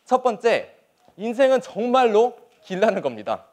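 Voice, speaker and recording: A young man with a high voice delivers a motivational speech to an audience as a soldier. His pitch swings widely as he drives points home earnestly and emphatically, often posing rhetorical questions. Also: sing-song, normal speed, darkish tone. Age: young adult.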